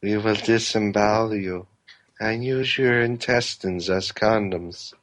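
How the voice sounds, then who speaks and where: A man putting on an unearthly, disembodied villain who makes slow, ominous threats with sinister glee. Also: on the low side, fairly even intonation, fairly bright tone, rough recording. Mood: menacing. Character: creepy disembodied villain, gleefully menacing, sinister.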